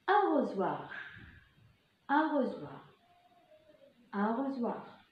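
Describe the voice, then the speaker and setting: A kindergarten teacher, a woman, leading a vocabulary lesson, slowly saying single words again and again for the children to repeat. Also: fairly high pitch, big pitch swings. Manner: slow, drawn-out repetition of single words for children to echo. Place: school classroom. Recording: echoey classroom, slightly dull sound.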